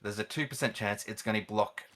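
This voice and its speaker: Guesting on a chat, an experienced gamer and event organiser explains things in a relaxed, conversational manner at a fairly quick pace. His voice is low with a bright, forward edge.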